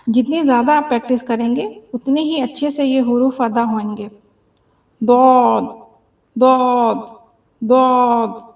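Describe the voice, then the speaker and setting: A woman's voice: fairly high pitch, mellow. A woman teaching beginners how to pronounce letters, repeating each sound three times and explaining patiently. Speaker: Quran reading teacher.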